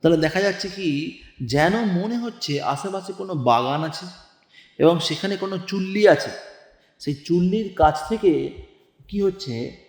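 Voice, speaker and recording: Guy teaching english poetry, kinda high voice, spells words out slow, roomy echo. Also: animated, a little mellow. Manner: slow, spells out words and asks questions to students. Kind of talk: poetry lesson explaining lines.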